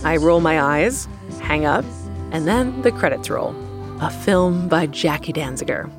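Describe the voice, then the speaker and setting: A woman's voice: deep voice, expressive, unhurried, music in the background. A woman in her thirties hosting a podcast, mixing scripted narration with casual talk. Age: 30s. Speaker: podcast host.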